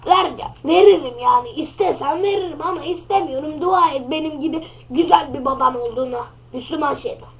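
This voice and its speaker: A woman's voice: sits high, fairly quick, few pauses. Woman doing a grumpy scolding nasal dad. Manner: scolding, name-calling. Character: grumpy insulting father, short-tempered.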